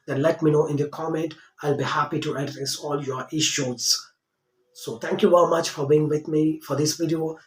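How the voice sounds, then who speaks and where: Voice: medium pitch, darkish tone. A teacher giving a lesson, explaining step by step and repeating key phrases. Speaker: English teacher. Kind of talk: spoken English lesson to camera. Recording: roomy echoing room.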